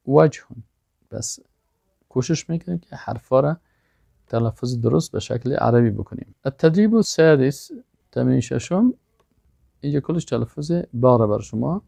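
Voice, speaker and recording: A man teaching a language lesson, sounding out example words slowly and deliberately. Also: medium pitch, animated, vocal fry, mellow, dry recording. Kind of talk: language lesson, explaining exercises.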